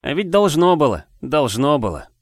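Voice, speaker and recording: A man's voice: a little high, big pitch swings, normal speed, no echo, studio quality, pitched above the performer's own voice. A man voicing a brash, cocky boy who teases cheekily with slang. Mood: taunting. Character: brash cocky boy, sharp-tongued and bossy.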